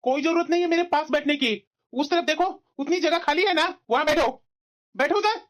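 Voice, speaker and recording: A woman's voice: high voice, brisk, lightly acted. A woman voicing a scornful, short-tempered young husband in a cartoon, speaking in a snappish, scolding way. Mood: irritated. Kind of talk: cartoon voice acting.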